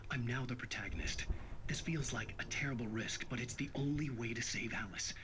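An actor voicing a haunted male writer hero, giving measured inner-monologue narration in a video game. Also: medium pitch, noisy background, lightly acted. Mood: grim resolve.

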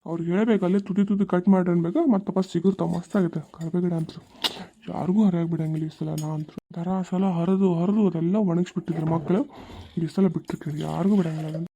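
A woman's voice: fairly low pitch, fairly even intonation, quick pace, dark tone, husky. A woman as a grumbling village woman. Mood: content muttering. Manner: muttering complaints to herself.

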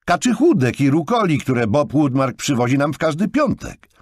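A man's voice: lowish voice, fairly quick, dry recording, studio quality, pitched above the performer's own voice, lightly acted. A man voicing an irritable, bossy chef and father in an audiobook, snapping and exasperated. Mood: angry.

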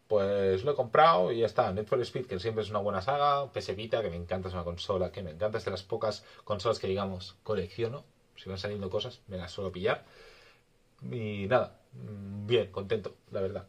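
A man with an accent from Spain, chatting excitably and swearing casually as he shows off his video game finds. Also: lowish voice, husky. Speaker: video game collector vlogger. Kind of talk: casual vlog chat.

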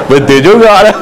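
Joking preacher, fairly high voice. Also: male voice. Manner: joking, animated, acts out quoted voices. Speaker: religious teacher. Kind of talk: humorous mosque lecture.

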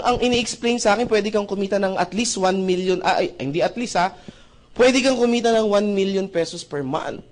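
High-voiced Filipino man telling his story. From Philippines. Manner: storytelling, asks the audience for agreement. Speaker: presenter. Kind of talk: testimonial seminar talk.

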